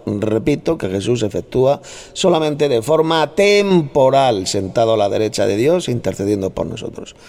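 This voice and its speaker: His voice is lowish and dark, edged with vocal fry, as he teaches scripture in a heated debate. The Bible teacher argues his reading of the verses with conviction while scolding and mocking his critics.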